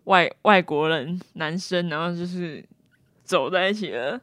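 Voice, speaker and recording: A woman co-hosting a podcast, reacting quickly and bluntly and swearing casually. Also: lowish voice, a bit bright, dry recording, clean studio sound. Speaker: podcast co-host. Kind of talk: casual chat.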